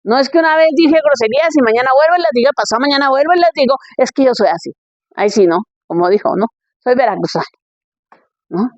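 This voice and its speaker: High-voiced woman preaching. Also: expressive, quick pace, no echo, highs cut off. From Colombia. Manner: reads Bible verses, checks in with "¿ok?".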